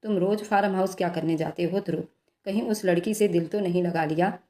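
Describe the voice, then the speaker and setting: Stern older patriarch, suspicious, low and mellow, read by a woman narrator. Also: fairly even intonation, fairly quick, lightly acted. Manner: suspicious questioning.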